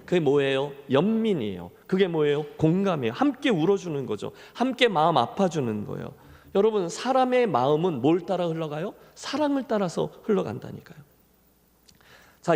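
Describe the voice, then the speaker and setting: Male pastor's sermon, animated pitch, somewhat high, long church hall reverb. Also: a little fast, creaky. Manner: acts out the quoted voices with pitch and tempo shifts; addresses the congregation often as "여러분".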